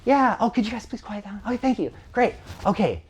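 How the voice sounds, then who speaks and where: A man demonstrating a projected stage voice, playing a cheery group leader who speaks loud, high and with a questioning lift. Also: big pitch swings, a little fast, husky, full character voice. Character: loud, bright, high-pitched group leader rallying a crowd.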